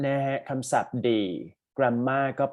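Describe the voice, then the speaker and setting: Thai guy teaching ielts speaking, super slow, lots of um and okay? right?, mid voice. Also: mid-range voice, level tone, darkish tone. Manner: explains step by step, often checks in with "okay?" and "right?"; frequent "um" and "uh" pauses while searching for words. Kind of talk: classroom lecture, mixing Thai and English.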